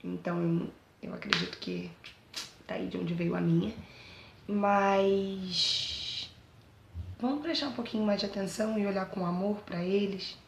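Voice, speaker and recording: A Brazilian woman speaks casually and earnestly about her own experience. She keeps checking that the listener is following and pleads warmly with teachers. Her mid-pitched voice rings out in a roomy, echoing space. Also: a little slow, gravelly, pauses often, a little hiss or hum. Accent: Brazilian Portuguese. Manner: chatty, keeps asking "entendeu?". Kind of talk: casual personal talk to camera.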